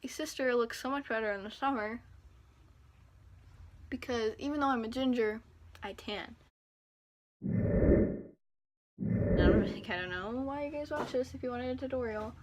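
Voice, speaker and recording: A woman's voice: fairly high pitch, moderate pace, long pauses. A teenage girl talking casually through a get-ready-with-me vlog in her bathroom, rambling and making fun of herself. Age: teens. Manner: rambling, self-deprecating and chatty. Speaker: beauty vlogger. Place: home bathroom. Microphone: phone camera nearby.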